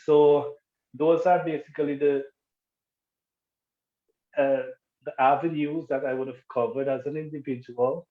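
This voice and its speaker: Guyanese pandit guy, humble n formal, slow talker, echoey tinny call audio. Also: fairly high pitch, fairly even intonation. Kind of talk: formal interview answers.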